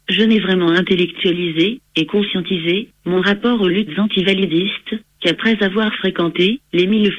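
A male text-to-speech voice, clearly synthetic, reading out scripted interview answers in a chipper, computer-read manner. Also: high voice, a bit bright, no echo, lo-fi sound. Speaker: interviewed activist and researcher.

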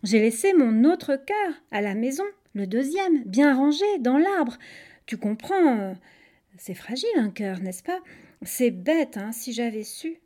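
A woman voicing a clever, quick-thinking male monkey in a storybook reading. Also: fairly high pitch, very animated, mellow. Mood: breezy. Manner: breezy, casual, mocking.

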